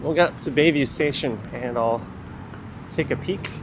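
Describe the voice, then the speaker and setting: A man's voice: medium pitch, moderate pace. A man, sniffling from the cold, giving casual, opinionated livestream commentary while walking outdoors. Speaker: livestream host. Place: outdoors, walking along a city street in winter. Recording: clear street traffic noise outdoors. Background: traffic and urban street noise.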